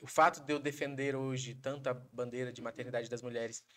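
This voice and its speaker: A woman with a Brazilian accent chatting on a podcast in an earnest, reflective, somewhat halting way. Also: extremely low pitch, fairly even intonation. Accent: Brazilian Portuguese. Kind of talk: casual chat.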